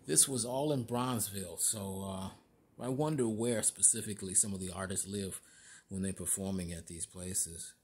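A man narrating a casual walking tour inside a large store, halting often with fillers and restarts. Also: low-pitched, a little mellow, breathy edge. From Chicago area. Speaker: vlogger.

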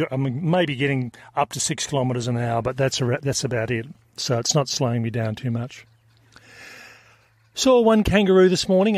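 A middle-aged man talks casually into a recorder while out on a hiking trail. His voice is mid-pitched and dry-sounding, and he rambles along with plenty of ums and restarts. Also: no room sound. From Australia. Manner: relaxed, rambling, with many fillers and restarts. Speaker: podcast host. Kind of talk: on-trail audio diary. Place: outdoors on a rail trail.

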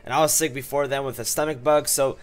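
A man's voice: mid-range voice, steady tone, fast talker. A young man with a sore throat and a cough, chatting casually through game commentary and rambling with many fillers. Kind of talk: casual let's-play commentary.

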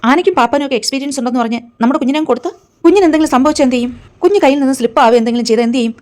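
A woman's voice: sits high, racing, darkish tone, slight background noise, lightly acted. An actress playing a sensible, outspoken young mother who argues in an exasperated way. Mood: indignant. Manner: argumentative, exasperated. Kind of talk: short film acting.

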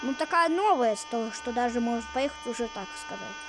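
A woman giving casual, rambling game commentary in halting, repetitive phrases. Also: fairly high pitch, expressive. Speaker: gamer commentating. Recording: loud noise from train game. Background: train game sounds.

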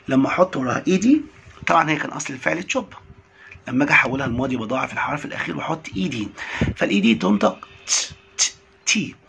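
A man with an Egyptian Arabic accent, teaching an English lesson and repeating words slowly for drilling. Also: fairly high pitch, gravelly, fairly bright tone, a little hiss or hum. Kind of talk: classroom lesson recording.

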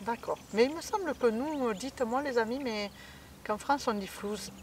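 A woman's voice: fairly high pitch, moderate pace, darkish tone, slight background noise. Chatty woman co-hosting a lesson. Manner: chatty, asks questions, addresses viewers directly. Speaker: co-host asking questions. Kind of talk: casual language lesson. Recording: voice a bit far from the mic.

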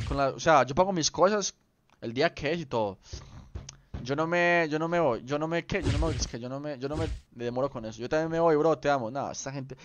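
A man's voice: fairly high pitch, slight background noise. A young man chatting casually with viewers on a game livestream, playful and rambling, full of slang. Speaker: streamer. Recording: slightly dull lo-fi stream audio.

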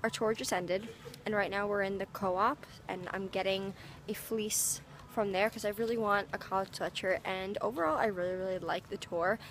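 A woman's voice: medium pitch, fairly even intonation, moderate pace, fairly bright tone, slight background noise. A young woman in her late teens chatting casually and bubbly to a handheld camera, giggling often and saying "like" a lot. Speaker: vlogger. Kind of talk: casual vlog chat. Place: outdoors in cold weather and in a car.

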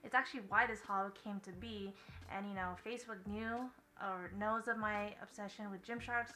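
Young woman vlogger, rambly casual haul chat, slightly high, bright tone, faint music behind. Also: low-quality recording. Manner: chatty, rambling, lots of filler words.

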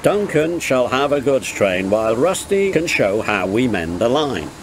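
A man's voice: medium pitch, big pitch swings, unhurried, a little hiss or hum, voice pushed up. A man voicing a stout railway boss in a firm, commanding way.

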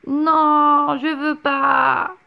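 High squeaky little boy, as a woman reads him, whiny, slow and drawn out. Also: flat delivery, creaky, muffled recording, exaggerated voice. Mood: sulky. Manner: high childish whine.

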